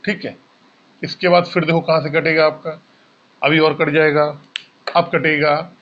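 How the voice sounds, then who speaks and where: A man's voice: a little high, little pitch movement, unhurried, muffled recording. A male maths teacher explaining exam problems step by step, asking questions and answering them himself. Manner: addresses students as bhaiya. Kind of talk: exam-prep maths lesson.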